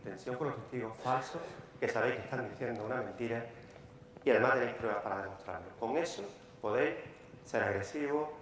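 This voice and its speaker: A man with a Peninsular Spanish accent, a lawyer giving a live workshop lecture, talking briskly and repeating key words for emphasis. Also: medium pitch, a bit bright. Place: large conference hall. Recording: echoey hall, faint room noise.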